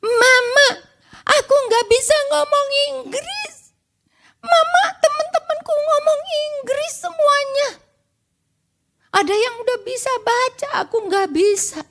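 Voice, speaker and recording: A woman acting out a small girl in tears, whimpering and pleading in a squeaky, high voice. The child sounds a little distant from the microphone. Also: unhurried, fairly bright tone, heavily acted. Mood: crying. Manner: wailing, tearful pleading. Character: small girl crying, upset she can't speak English.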